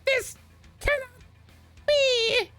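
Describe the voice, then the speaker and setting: A woman's voice: very high voice, fairly even intonation, drawn-out words, music in the background, exaggerated voice. A woman voicing a raging, megalomaniac evil wizard in a theatrical mad-scientist rant, like a comedic story villain. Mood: defiant fury. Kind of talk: hammed-up comedic villain monologue.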